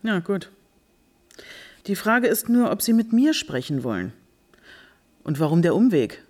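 Impulsive journalist, radio drama, lively pitch, probing, quick questions. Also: female voice. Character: impulsive, curious woman reporter.

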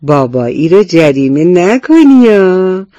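A man's voice: fairly high pitch, mellow, no echo. A man voicing a playful, good-humored father in a children's story reading. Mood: teasing. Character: playful, indulgent father driving the family car. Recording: dull, muffled recording.

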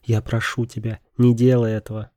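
A man voicing a desperate young woman who pleads urgently, a little higher and louder than his narration. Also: monotone, normal speed, dry recording, clean studio sound, close to an everyday voice. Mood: pleading.

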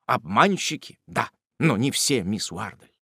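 A man voicing an ardent, gushing middle-aged suitor who declaims with effusive, drawn-out exclamations, in a storybook reading. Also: medium pitch, sing-song, bright, forceful tone, breathy edge, no room sound, studio quality, exaggerated voice. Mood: impassioned.

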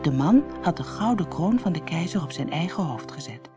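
Low-voiced woman reading a fairy tale. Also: normal speed. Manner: expressive, clear, storytelling. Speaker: audiobook reader. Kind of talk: storybook narration. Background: soft music.

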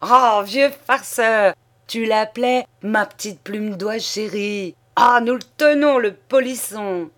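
A woman's voice: a little high, slow, pitched above the performer's own voice. Jovial teasing man, put on by a woman, boisterous, raised voice. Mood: gleeful. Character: jovial middle-aged man, laughing host.

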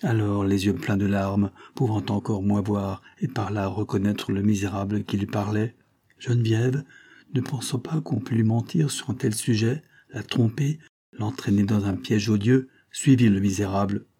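A man reading a novel aloud in a measured, dramatic storytelling manner. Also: on the low side, fairly even intonation, warm tone, husky. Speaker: audiobook reader. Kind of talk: audiobook narration.

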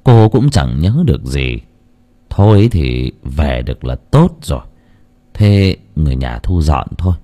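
A man voicing a calm Buddhist monk in an audio story, speaking in a solemn, measured way. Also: very deep voice, pitched below the performer's own voice, full character voice.

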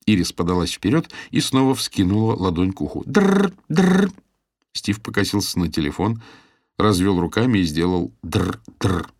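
A man narrating an audiobook in the first person, in an expressive, animated storytelling manner. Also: sits low, a little fast, no room sound, studio quality.

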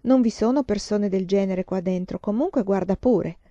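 A woman's voice: mid-range voice, moderate pace, warm tone, dry recording, natural voice. Woman reading as a scornful father in a storybook. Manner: laughing off, dismissive. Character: calm amused father facing intruders. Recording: dull, slightly lo-fi recording.

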